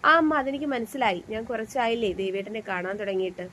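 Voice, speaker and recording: A soft-spoken young heroine with a steely resolve under her calm words, voiced by a woman storyteller. Her voice is fairly high, with a light hiss of noise behind. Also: fairly quick, natural voice. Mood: resolute. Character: young woman, determined, secretly vengeful heroine.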